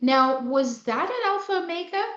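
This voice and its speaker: A woman's voice: high voice, animated, normal speed, a bit bright, reverberant, muffled recording. A woman sommelier hosting a casual interview, chatty and enthusiastic, with lots of fillers, over a video call. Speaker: sommelier host.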